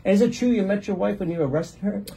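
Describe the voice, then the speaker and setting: A man's voice: high voice, fast talker, vocal fry, mellow, slightly rough, poor audio. A man, a pastor, guest-hosting a gospel talk show and interviewing a couple in a friendly, joking way with many fillers. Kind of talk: casual interview chat.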